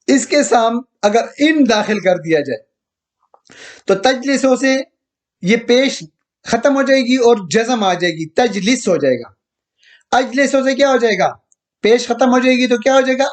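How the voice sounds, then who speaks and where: A male teacher giving a recorded slide lecture, who repeats each point, slowly draws out quoted verses and asks listeners whether they have understood. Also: high voice. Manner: checks understanding with questions to listeners. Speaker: grammar teacher.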